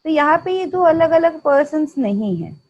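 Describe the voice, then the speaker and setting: A woman's voice: high voice, lively intonation, normal speed, darkish tone, poor audio. A woman with an Indian accent giving an explanatory lecture, mixing in English terms and often checking in with "right?".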